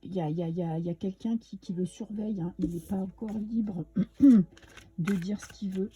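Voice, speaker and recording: Chatty tarot-reading woman, mellow voice. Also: medium pitch, normal speed, breathy edge. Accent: French. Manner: chatty, hesitant, many fillers and restarts. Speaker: tarot reader. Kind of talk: casual tarot reading monologue.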